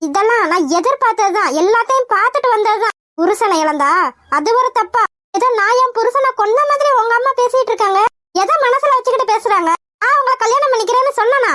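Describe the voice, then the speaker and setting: A woman voicing a defiant young widow, very high voice. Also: expressive, fast talker, a bit bright, no echo. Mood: earnest. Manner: earnest, defiant. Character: young widowed woman doctor, proud and hurt. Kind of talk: cartoon voice acting.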